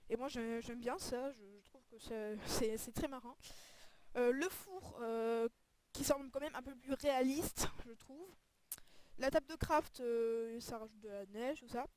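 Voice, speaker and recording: A woman's voice: fairly high pitch, measured pace, a little mellow. A woman casually commenting on a game texture pack as a video creator, hesitant and often searching for her words. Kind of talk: casual screen-recorded commentary.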